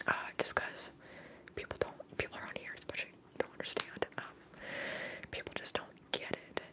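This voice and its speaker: A woman hosts an ASMR livestream in a hushed, airy whisper. Her delivery is casual and candid, rambling along as if thinking out loud. Any voiced sounds sit on the high side. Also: poor audio. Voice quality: soft breathy whisper. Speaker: livestream host.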